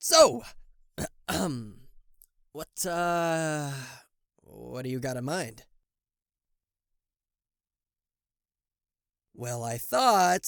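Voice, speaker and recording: Acting out a roleplay audio for the listener, a man voices a cocky, sarcastic devil, a fallen angel who is secretly fond. He teases and blusters theatrically with wide pitch swings, stumbling into stammers, and the mood comes across as awkward and puzzled. The recording is dry, with no room sound.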